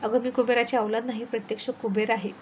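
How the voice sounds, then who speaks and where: An easygoing, joking husband from a spoken storybook, as a woman reader puts him on. The voice sits fairly high, with a light, offhand manner. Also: flat delivery, fast talker, a little hiss or hum, natural voice. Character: easygoing grown man, a husband who laughs off money worries.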